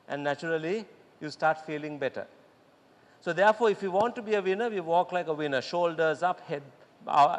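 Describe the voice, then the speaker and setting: A man giving a lively workshop talk to doctors, acting out quotes and laughing often. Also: high-pitched. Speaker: speaker at a medical congress workshop. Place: lecture hall. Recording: echoey hall with long reverb.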